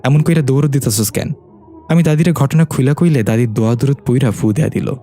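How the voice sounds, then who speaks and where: A man's voice: mid-range voice, brisk, dark tone, soft background music, lightly acted. A man doing a timid young thief. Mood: fearful retelling. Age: 20s. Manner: humble, frightened storytelling. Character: timid young petty thief telling a ghost story.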